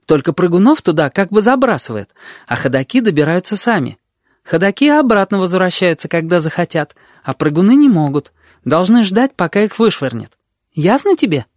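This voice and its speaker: A reader voicing a bold, chatty red-haired girl who lectures quickly and jumps between topics. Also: medium pitch, very animated, a little mellow, no echo, clean studio sound, pitched above the performer's own voice, lightly acted. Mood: bossy. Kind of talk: audiobook character voice.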